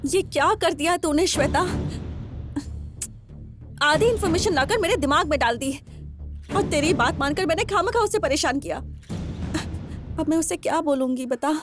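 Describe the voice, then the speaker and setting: A headstrong young woman with a high voice snaps orders and teases. Soft film music sits behind her. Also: animated, normal speed, long pauses. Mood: exasperated. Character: young woman, stubborn playful girlfriend. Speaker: dub actor. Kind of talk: Hindi film dubbing.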